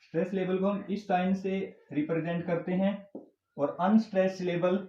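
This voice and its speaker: A man teaching an English grammar class, explaining slowly and repeating terms, mixing English words into his Hindi. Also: high-pitched, fairly even intonation, dark tone. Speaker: English tutor. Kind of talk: classroom lecture. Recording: echoey room, dull lo-fi sound.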